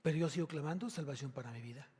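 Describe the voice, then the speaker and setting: A little high and husky, the voice of this Mexican Spanish-accented male pastor comes out rapid-fire in a church sanctuary that sounds like a large hall. He preaches emphatically, firing questions straight at his congregation and rising to loud exclamations.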